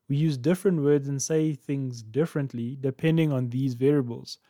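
A man hosts a podcast with a scripted, playful delivery and jokey asides. His voice sits a little high but sounds warm and mellow. The sound is close and dry, with no room echo. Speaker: podcast host.

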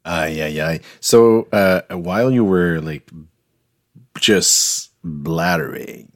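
A man's voice: low-pitched, a little slow, no room sound. A man co-hosting a board game podcast in casual chat, dry and teasing. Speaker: podcast co-host.

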